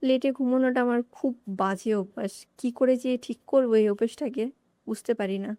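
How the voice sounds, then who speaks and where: A woman's voice: fairly high pitch, fairly even intonation, normal speed, warm tone, dry recording. A woman, chatting casually to viewers in a vlog as she walks around her coaching centre holding a phone. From North Bengal, India. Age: late teens. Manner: chatty, talks straight to viewers, grumbles and jokes. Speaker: student vlogger.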